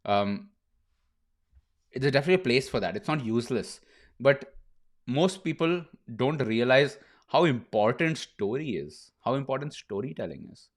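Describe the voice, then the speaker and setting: Young male streamer, easygoing chat, mid-pitched, laughs a lot, says bro. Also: lively intonation, moderate pace. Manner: laughs often, peppers speech with "bro" and "dude". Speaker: streamer host. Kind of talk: casual livestream chat.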